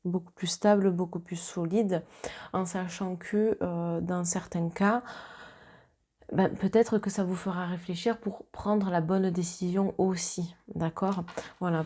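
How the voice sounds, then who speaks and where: A woman's voice: fairly low pitch, warm tone. A woman with a Marseille accent giving a casual tarot reading, chatty and reassuring, with many fillers and restarts. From southern France. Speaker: tarot card reader.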